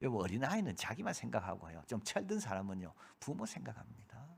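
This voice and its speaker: A middle-aged male pastor preaching a sermon with a lively, swooping voice. His pitch rises and falls widely from one phrase to the next. He acts out quoted voices and sometimes drops to a hushed whisper to stress a point. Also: fast talker, creaky, husky.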